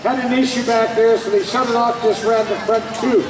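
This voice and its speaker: A man's voice: extremely high pitch, steady tone, brisk, a crowd in the background. A man commentating live at a tractor pull, explaining the technical side in a conversational way. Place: outdoor tractor pull event. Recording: echoey distant PA over loud engine noise.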